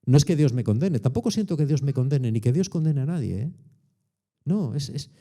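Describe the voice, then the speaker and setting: A man's voice: medium pitch, animated, a little fast, mellow. A man in his sixties with a Spanish accent preaching a sermon in a colloquial, emphatic way, full of rhetorical tags. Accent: Spain Spanish. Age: 60s.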